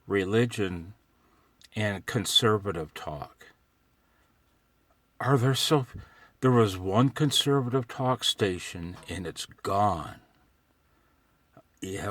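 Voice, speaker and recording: An older American man, an amateur radio hobbyist vlogger, rambles casually to himself from inside a parked truck, wry and folksy. His voice is lowish and a bit bright, with no echo.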